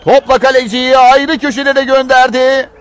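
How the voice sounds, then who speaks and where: A male football commentator with an extremely high-pitched, excited delivery calls the play live. He speaks outdoors at a small ground, with a light crowd murmur behind him. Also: normal speed. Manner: excited, shouting on goals. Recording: crowd noise at outdoor match. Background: faint crowd.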